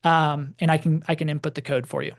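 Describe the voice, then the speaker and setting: A man playing a rushed male cashier, curt and businesslike. The voice sits fairly high and stays close to his everyday speech. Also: little pitch movement, lightly acted. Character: hurried, impatient male store cashier.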